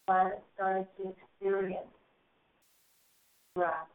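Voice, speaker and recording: Slow, solemn woman on a tinny phone line. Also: mid-range voice, flat delivery. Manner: slow, solemn, drawn-out phrasing with soaring rises. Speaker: spiritual channeler. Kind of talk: channeled spiritual message to a group. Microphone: phone call.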